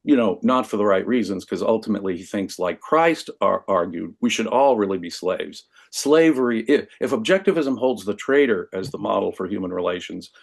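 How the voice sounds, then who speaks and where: Low-voiced man lecturing on philosophy. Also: creaky. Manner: lecturing, wry asides to listeners. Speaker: guest. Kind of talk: explaining philosophy history in podcast conversation.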